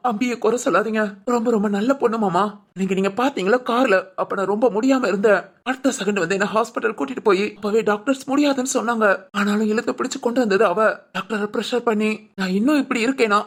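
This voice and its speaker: A performer voicing a gravely ill young man in an animated family drama, who speaks gently and with resignation. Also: medium pitch.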